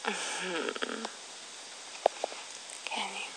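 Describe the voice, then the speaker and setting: A man voicing a playful young woman who teases in breathy whispers. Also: high-pitched, drawn-out words, noisy background, voice pushed up, full character voice. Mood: teasing.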